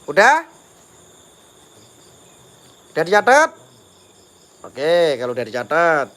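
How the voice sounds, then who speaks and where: High-voiced Javanese man, taunting rant. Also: wildly swooping pitch, takes it slowly, a bit bright. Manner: taunting, repeatedly daring listeners to phone him. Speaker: live-stream host. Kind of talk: live-stream rant to viewers.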